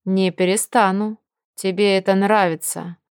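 A woman's voice: medium pitch, steady tone, clear, resonant tone, dry recording, studio quality, close to an everyday voice. A woman voicing a smug, teasing dragon knight. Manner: unhurried, self-assured teasing. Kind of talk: audiobook character voice.

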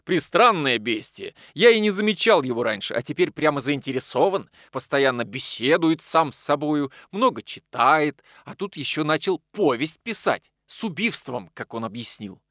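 A loud, hearty fellow, played by a male narrator, shouting his greetings high and strong. His voice leaps up and down with lively swings, dry and close to the mic. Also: no echo. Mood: gossipy. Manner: exclaiming, boisterous, fast-shifting. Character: boisterous hearty man, loud and mocking. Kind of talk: audiobook character reading.

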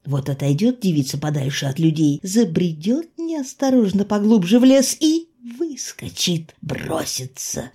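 A woman narrating a fairy tale for an audiobook, with expressive storytelling and dramatic slowdowns. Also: medium pitch, vocal fry, breathy edge.

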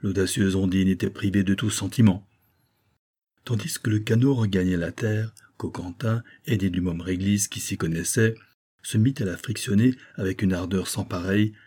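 A man narrating an old serial novel as an audiobook, in a theatrical, lively storytelling manner. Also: sits low, husky.

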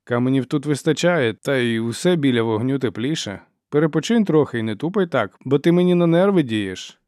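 A man's voice: medium pitch, lively intonation, a little fast, a little mellow, no echo, studio quality, pitched above the performer's own voice, lightly acted. A man reading an audiobook, voicing a wary, weary male warrior who talks in a careful, placating way. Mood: uneasy.

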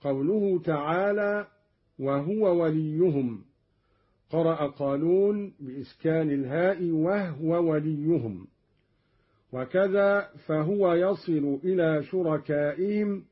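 Slow husky man on old radio. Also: a little high. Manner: measured, recites each verse slowly after explaining. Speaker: Quran reading teacher. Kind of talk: explaining and demonstrating Quran reading variants. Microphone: broadcast studio microphone. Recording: dull lo-fi old radio recording.

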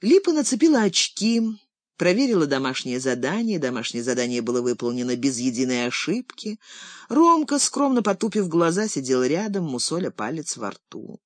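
Audiobook narrator, expressive literary reading, lively pitch, dry booth sound. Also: moderate pace, dry recording. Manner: expressive storytelling.

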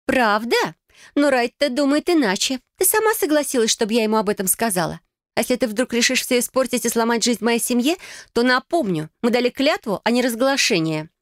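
A haughty young cousin, smug and taunting, her voice pitched up high and bright, as a woman reader puts her on. She speaks in a dry, close recording with no room around it. The tone is steady, cutting mockery. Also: a little fast, no room sound, close to an everyday voice. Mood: mocking. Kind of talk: audiobook character voicing.

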